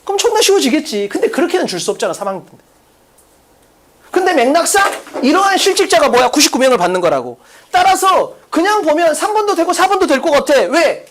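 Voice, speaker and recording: Brisk, lively male teacher firing questions. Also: very high-pitched. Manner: brisk, blunt, peppered with rhetorical questions; uses crude slang. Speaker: English teacher. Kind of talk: exam-prep lecture. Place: classroom in front of a blackboard.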